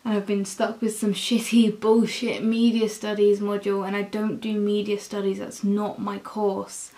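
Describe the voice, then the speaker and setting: A young adult woman with an English accent, talking casually and candidly in a halting, confessional vlog style. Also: medium pitch, little pitch movement, mellow. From England. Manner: slow, halting, candid, with frequent swearing. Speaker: university student vlogger.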